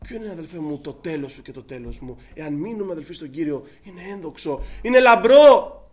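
A man preaching a sermon, often calling out to his brothers and swinging between hushed, quiet passages and raised, emphatic ones. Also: on the high side, animated, slight background noise.

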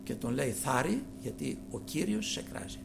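A male preacher giving a sermon, dropping to hushed murmurs and then rising to loud, fervent exhortation. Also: medium pitch, sing-song, gravelly, noisy background.

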